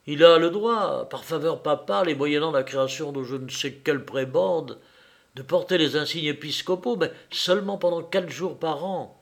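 A man voicing an excitable rich countess who gushes in loud, high exclamations. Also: moderate pace, vocal fry. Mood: excited. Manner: gushing, exclamatory. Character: excitable rich noble countess, middle-aged woman.

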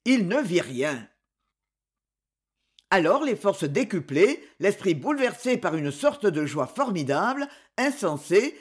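A narrator reading a swashbuckling adventure novel aloud in a dramatic, expressive storytelling manner. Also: medium pitch, breathy edge.

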